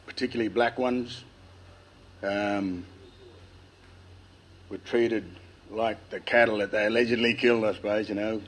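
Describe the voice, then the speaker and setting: Low-voiced, lisping Australian man, nervous and halting. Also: rough recording. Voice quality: lisp. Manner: nervous, halting delivery with long pauses. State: dry-mouthed. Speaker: speaker telling family history. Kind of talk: informal public speech, oral storytelling.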